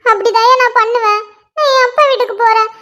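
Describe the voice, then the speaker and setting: A woman's voice: very high voice, steady tone, fast talker, sharp tone. A woman voicing a jealous, sulky female lizard scolding her husband in a cartoon. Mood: sulking.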